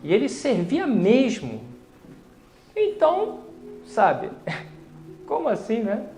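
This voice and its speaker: A man with a Brazilian Portuguese accent tells a story of faith in a chatty, animated way and acts out the dialogue. His voice sits somewhat high. The recording has a roomy echo. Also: slow pace, faint music behind. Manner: conversational, animated retelling with quoted dialogue. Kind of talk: storytelling testimony.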